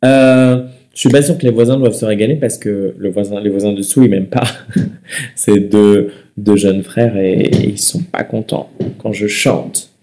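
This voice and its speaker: A young man with a slightly stuffy nose, hosting a live webcam chat from his living room and answering viewer comments in a soft, relaxed way. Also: on the low side, moderate pace. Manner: soft-spoken and relaxed, sings between replies. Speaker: livestream host. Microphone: webcam mic.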